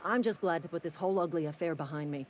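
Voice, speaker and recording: A man voicing a gruff, cynical company-town clerk in video game dialogue, speaking curtly and sardonically. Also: fairly high pitch, fast talker, a little hiss or hum, natural voice, poor audio. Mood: curt, sardonic. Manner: curt, sardonic and impatient.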